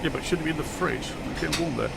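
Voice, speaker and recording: A man's voice: on the high side, racing, gravelly, very noisy. A man chatting casually while playing a train simulator, answering chat and sharing railway trivia. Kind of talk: casual commentary while gaming.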